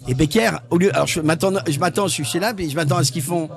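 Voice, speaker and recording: Guest storyteller: man, somewhat high voice, animated, acts out every line he quotes, recorded on a live event stage. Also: fast, gravelly. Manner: animated, acts out other people's lines, repeats words. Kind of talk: lively storytelling anecdote.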